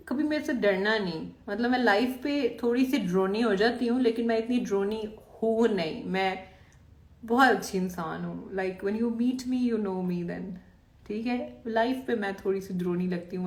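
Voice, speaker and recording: A woman's voice: medium pitch, unhurried. Teasing woman, roomy live stream. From Pakistan, Lahore. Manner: expressive, teasing and playfully scolding, mixing English in. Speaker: business team manager hosting a live stream. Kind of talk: casual live-stream talk, reading comments.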